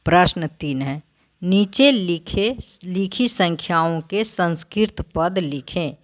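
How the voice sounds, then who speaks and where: A woman teacher who reads each word aloud, then explains it plainly, in a slow, deliberate lesson. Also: lowish voice, animated, no room sound, dull audio.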